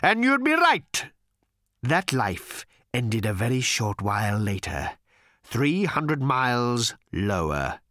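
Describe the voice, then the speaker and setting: A man's voice: medium pitch, huge pitch swings, a bit bright, no room sound, clean studio sound, heavily acted. Man voicing Agrajag, a snarling vengeful creature. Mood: menacing. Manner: snarling, hissing, slow and menacing. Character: bitter vengeful male creature, waddling, hateful. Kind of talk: audiobook character voice.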